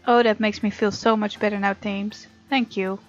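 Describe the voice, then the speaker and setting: A gaming video host with a medium-pitched voice and little pitch movement talks at a normal speed. She reads game text aloud and chats casually in reaction to the story, her muffled lo-fi mic competing with background game music.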